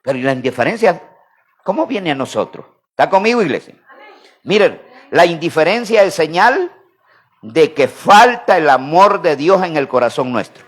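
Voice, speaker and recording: A Salvadoran man preaching a sermon, calling on the congregation to repeat after him and swinging between loud emphasis and quiet asides. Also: fairly high pitch, very animated, normal speed. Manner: call-and-response preaching, asks congregation to repeat. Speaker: pastor.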